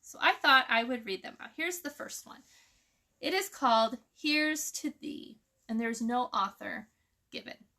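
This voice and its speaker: A woman runs a children's story time built around an informal nature lesson and read-aloud, chatting through explanations and asking the kids questions. Her voice is on the high side, animated, bright and pushed, and she speaks a bit slowly.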